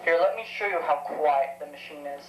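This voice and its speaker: A seventeen-year-old vintage tech hobbyist shows off a tape recorder in a casual, unscripted demo, speaking in a low-pitched voice at a moderate pace. She sounds hesitant, thinking aloud as she goes. The room is echoey, with faint background noise.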